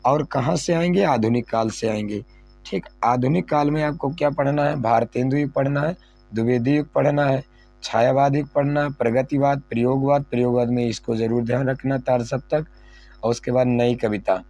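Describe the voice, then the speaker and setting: A man's voice: medium pitch, steady tone, moderate pace, warm tone, soft background music. A male teacher going over an exam syllabus, repeating key points and asking questions he then answers himself. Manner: repetitive, asks and answers own questions.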